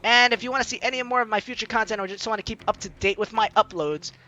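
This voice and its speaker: This let's play host has a fairly high pitch and a quick pace, her voice pushed and bright, but the audio is dull. She gives a playful, hammy reading of the game's narration and lines with improvised asides, over background game music.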